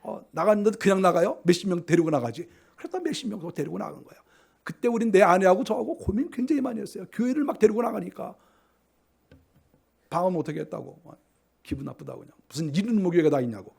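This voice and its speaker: A man's voice: sits high, fast, vocal fry, breathy edge. A middle-aged man preaching a sermon as pastor, telling stories and acting out the voices of church members. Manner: animated storytelling, acting out quoted church members.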